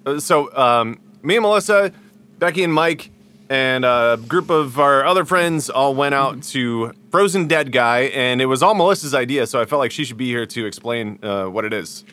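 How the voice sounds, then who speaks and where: A man's voice: medium pitch, moderate pace, pushed and bright, clear, resonant tone. A man hosting a podcast, talking loosely with laughs and casual swearing. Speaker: podcast host. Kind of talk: casual chat.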